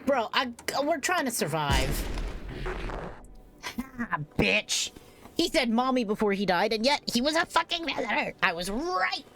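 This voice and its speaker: A young woman streamer at home, giving live game commentary, thinking out loud, animated and swearing freely. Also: on the high side, measured pace, background noise. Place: home room.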